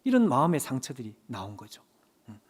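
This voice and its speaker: A man's voice: medium pitch, wildly swooping pitch, fairly quick. A man preaching a sermon at a church service. He tells a story with emphasis and speaks directly to the congregation.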